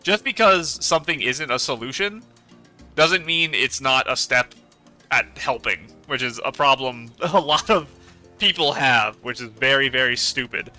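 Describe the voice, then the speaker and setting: A man's voice: mid-range voice, a little slow, pushed and bright, faint music behind. A man hosting a let's play, chatting casually and rambling about the game. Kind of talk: casual gameplay commentary.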